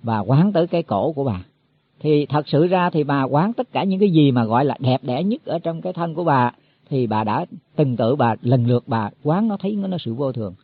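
A man's voice: mid-range voice, lively intonation, fairly quick, husky, no echo. A man giving a Buddhist sermon to monks, explaining in a folksy way and repeating his words as he goes. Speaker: Buddhist teacher. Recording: tinny phone-like, dry.

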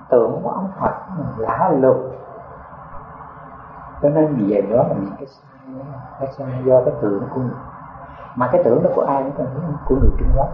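An older monk giving a folksy, chatty dharma talk full of rhetorical questions. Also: male voice, medium pitch. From Vietnam. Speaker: Buddhist monk teacher. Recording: echoey, tinny phone-like sound with faint noise.

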